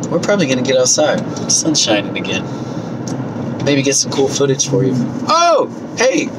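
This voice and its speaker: A man's voice: mid-range voice, huge pitch swings, normal speed. Male vlogger, thirties, stuffy and getting over a cold, casual delivery, recorded in a very noisy moving car. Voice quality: stuffy, congested nose. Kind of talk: casual chatty vlog. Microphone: phone mounted at arm's length. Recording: loud car road and vent noise.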